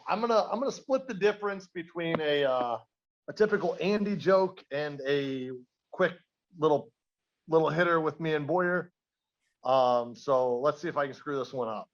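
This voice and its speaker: A man's voice: a little high, dull audio. A man hosting a casual podcast, rambling and self-deprecating as he tells a joke. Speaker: podcast host.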